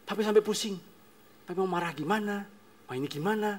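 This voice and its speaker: A man's voice: sits high, fast, pitched above the performer's own voice. A preacher voicing a worried middle-aged shopkeeper father who complains anxiously about a rival store.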